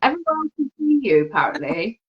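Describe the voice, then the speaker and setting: Over dull, lo-fi video call audio with crowd noise behind her, a host leads a live online chat. She has a slightly high voice and talks briskly and very animatedly, friendly and chatty with lots of fillers.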